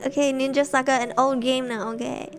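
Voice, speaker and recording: A woman with a high, light voice chats casually as she streams from her bedroom. She talks in a jumpy, giggly way, and faint music plays softly behind her. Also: level tone, a little fast. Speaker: streamer reading horror stories. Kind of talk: casual livestream chat.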